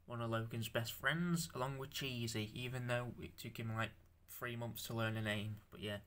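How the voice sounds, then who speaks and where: Halting young man with a bright voice. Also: medium pitch, fairly even intonation. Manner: halting, stammering, swears, self-conscious. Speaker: stop-motion creator showing his figures. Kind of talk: casual show-and-tell.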